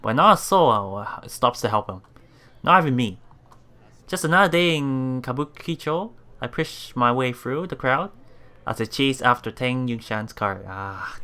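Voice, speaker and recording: A man with a mid-range, sharp voice plays through a visual novel, reading its text aloud haltingly. He stumbles, corrects himself and drops casual asides.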